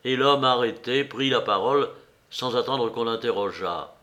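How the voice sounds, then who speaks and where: A man reading a classic novel aloud in a measured narrating voice. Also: mid-range voice, pushed and bright. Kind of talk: audiobook narration.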